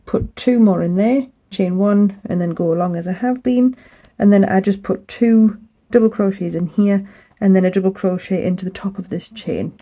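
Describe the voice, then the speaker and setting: A young British woman giving a relaxed, rambling crochet tutorial at home, chatting casually with plenty of fillers. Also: mid-range voice, poor audio. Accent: British English. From England. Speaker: crochet vlogger. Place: home, indoors.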